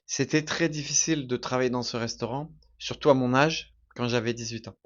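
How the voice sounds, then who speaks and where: A man teaching through a slow, emphatic story for learners, repeating his phrases deliberately. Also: mid-range voice, lo-fi sound. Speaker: French teacher.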